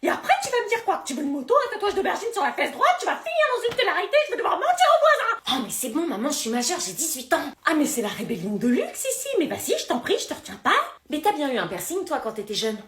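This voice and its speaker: A woman's voice: sits high, very animated, fast talker, hardly any pauses, echoey room. A woman playing an overbearing mother who scolds her adult daughter with dramatic outrage and sarcasm in a comedy sketch. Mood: sarcastic.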